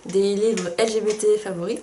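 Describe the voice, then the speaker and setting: A woman's voice: mid-range voice, fairly even intonation, moderate pace, mellow, a little hiss or hum. A young woman co-hosting a book video, unwell and chatting casually with lots of hesitations. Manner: chatty, hesitant with many fillers. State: sick. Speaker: book channel co-host. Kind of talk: casual chat.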